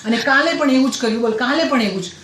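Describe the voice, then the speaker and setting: A chatty, breathless housewife, played by a woman, who repeats herself while griping about her in-laws. Her voice sits a little high. The recording is roomy and echoey, with a faint hiss underneath. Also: quick pace, fairly bright tone. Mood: gossipy. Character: gossipy middle-aged housewife complaining about in-laws. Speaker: comedian. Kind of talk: comic character monologue.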